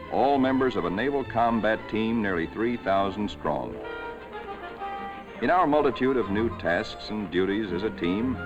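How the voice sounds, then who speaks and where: This is a man reading a script for a 1940s war documentary, his tone slow and grave, his pitch fairly low. It comes from an old film soundtrack with the treble missing.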